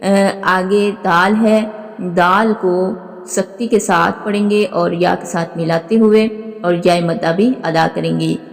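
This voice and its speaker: A woman teaching Quran recitation, explaining pronunciation and then reciting verses slowly with long drawn-out, melodic vowels. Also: lowish voice, fairly even intonation, gravelly, in a large hall. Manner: slow and deliberate, stretching recited words melodically. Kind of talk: slow recitation lesson with explanations.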